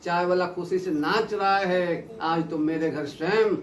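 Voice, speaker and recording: A man's voice: high voice, unhurried. A man giving a devotional sermon, telling parable stories and voicing the characters in them. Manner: storytelling with voiced dialogue, rising emotional emphasis. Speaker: preacher. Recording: echoey hall, distant mic, noisy ambience.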